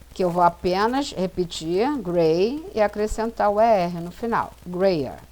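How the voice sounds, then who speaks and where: A woman teaching English grammar to students, explaining each rule step by step, spelling out letters and repeating every example sentence. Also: mid-range voice. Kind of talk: slow classroom explanation.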